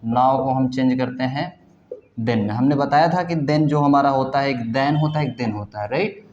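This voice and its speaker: In a classroom with a board, a man teaches English grammar and quizzes students with repeated questions. His medium-pitched voice moves at normal speed over a noisy background, and the recording sounds roomy and dull.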